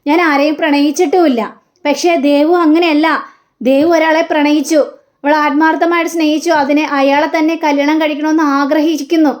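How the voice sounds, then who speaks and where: A woman's voice: high-pitched, flat delivery, brisk, lightly acted. Woman voicing Revathi, an earnest young wife. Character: calm, reasoning young wife.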